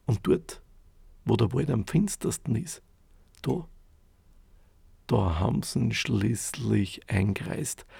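A man telling a fairy tale in a lively, folksy, dialect-tinged way. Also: mid-range voice, gravelly, husky, no room sound. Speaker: storyteller. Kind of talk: spoken fairy tale narration.

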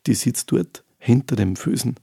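A man voicing a graceful, proud, friendly beautiful woman who speaks calmly in a folk tale. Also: mid-range voice, moderate pace, gravelly.

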